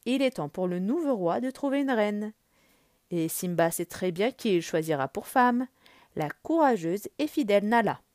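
A woman narrating a children's storybook in an expressive, animated read-aloud. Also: mid-range voice, normal speed, dry recording, clean studio sound.

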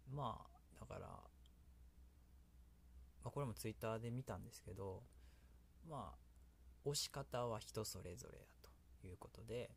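A man's voice: fairly low pitch, unhurried, gravelly, pauses often, slight background noise. A man with a Kansai accent hosting a casual solo radio talk, rambling and often laughing at himself. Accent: Kansai Japanese. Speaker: solo radio host and creator.

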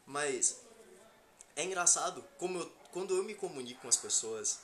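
Animated Brazilian man with a Bahian accent. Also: on the high side, moderate pace. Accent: Brazilian Portuguese, Bahian from Salvador. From Salvador, Bahia, Brazil. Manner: slangy, swearing, joking. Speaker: podcast host. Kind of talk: casual comedic podcast chat.

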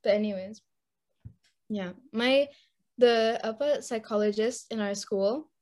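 A woman's voice: on the high side, measured pace, a little mellow. A teenage girl from Indonesia in casual chat, talking in a rambling, giggly way. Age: teens.

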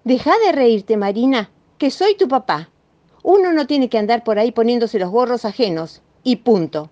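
A woman's voice: a little high, big pitch swings, moderate pace, a little mellow. A woman voicing a stern, fussy father with a Rioplatense accent, in a scolding, firm manner. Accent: Rioplatense Spanish. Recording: dull muffled recording.

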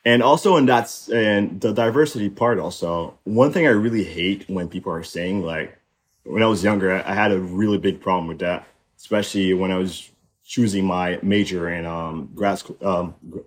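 Man from Haiti, young adult, low-pitched, reflective, halting with fillers, casual podcast chat. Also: husky. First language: French and Haitian Creole. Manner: reflective, many fillers and restarts. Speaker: podcast guest. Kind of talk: casual conversation.

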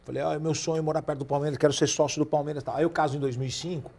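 His voice fairly high and gravelly, the Brazilian guest in his forties races through casual stories on a podcast. He keeps it lively by voicing the people in his anecdotes.

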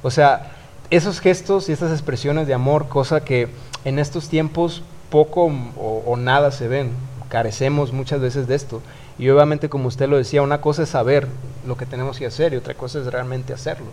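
A man's voice: medium pitch, steady tone, a little fast, a little mellow, a little hiss or hum. A man with a Mexican accent talking about faith on a podcast in an earnest, reflective way, often restarting his sentences. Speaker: youth worker. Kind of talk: casual podcast conversation.

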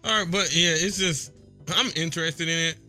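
A man co-hosting a casual gaming chat, relaxed and slangy. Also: on the high side, moderate pace, faint music behind. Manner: relaxed, slangy, says bro a lot.

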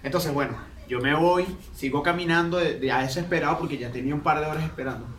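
A man's voice: a little high, fast, fairly bright tone, slight background noise. A man from Venezuela with a Venezuelan accent, telling a long story in a casual, slangy way and often restarting his sentences. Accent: Venezuelan Spanish. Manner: rambling, restarts mid-phrase, slangy. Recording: roomy distant mic, faint ambience.

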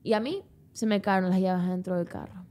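A woman's voice: on the low side, steady tone, fairly quick, warm tone. A woman co-hosting a podcast, telling a story in casual chat with dramatic flair. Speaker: podcast co-host.

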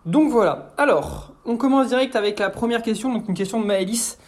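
A man's voice: sits high, expressive, fairly quick. A young man hosting his own podcast, answering listener questions in a chatty, hesitant way with many fillers.

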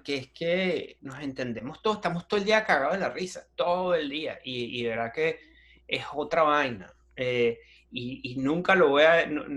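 A Venezuelan man with a Venezuelan accent speaks in a slightly high, somewhat bright voice. He's a comedian guest in a casual interview, telling stories animatedly, using slang and often restarting his sentences.

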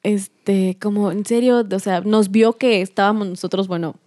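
A woman's voice: medium pitch, fairly even intonation, normal speed, darkish tone, no room sound, studio quality. A young woman with a Mexican accent chatting casually with family, slangy and full of fillers, slipping in English phrases. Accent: Mexican Spanish. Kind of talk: casual chat among family.

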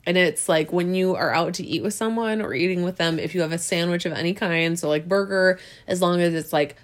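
A young woman co-hosting a casual chat, explaining games with quick asides and frequent laughter. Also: lowish voice. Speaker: co-host.

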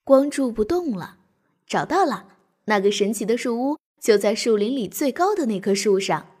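A woman's voice: a little high, animated, moderate pace, a little mellow, slightly rough. A woman voicing a bold, mischievous little girl in a bedtime story. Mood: playful. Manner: cheerful and mischievous.

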